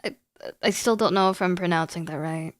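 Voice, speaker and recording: A woman with a lowish voice gives casual livestream commentary on horror games, speaking briskly but thinking aloud hesitantly. The audio is studio quality with no echo.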